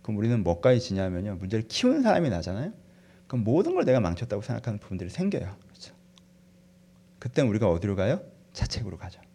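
A man preaching a sermon, asking the congregation questions and swinging from loud fervent peaks to quiet, soft passages. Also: lowish voice, wildly swooping pitch, fast, slightly rough. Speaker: pastor.

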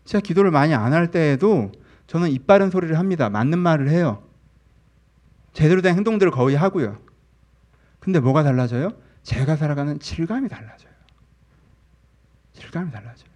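A man in his thirties, a pastor, preaching a candid, conversational sermon. He shares personal stories, drops into soft murmurs and rises again to animated emphasis. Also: fairly high pitch, brisk, long pauses.

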